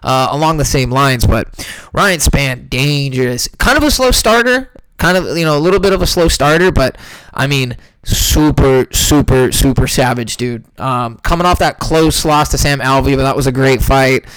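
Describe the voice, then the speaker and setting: A man talking through an upcoming fight card in a loose, rambling way, stumbling over his words and correcting himself constantly. His voice sounds smooth and resonant. The recording is dry and close, with no room sound around him. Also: mid-range voice, moderate pace, a bit bright, no echo, rough recording. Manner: rambling, many fillers and self-corrections. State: hiccups. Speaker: MMA podcast host. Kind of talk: casual fight breakdown.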